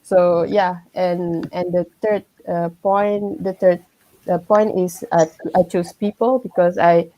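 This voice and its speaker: A woman's voice: fairly low pitch, fairly even intonation, slow pace, no room sound, dull audio. A woman from Malaysia who has a young child, sharing her views in a casual group discussion, with many fillers and restarts. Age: adult with a child. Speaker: workshop participant.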